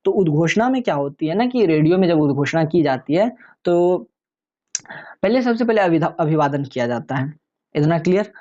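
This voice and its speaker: A man explaining exam topics in a relaxed, conversational lecture, addressing viewers as friends. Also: fairly high pitch, normal speed, muffled recording. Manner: chatty, many fillers and restarts. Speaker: exam tutor.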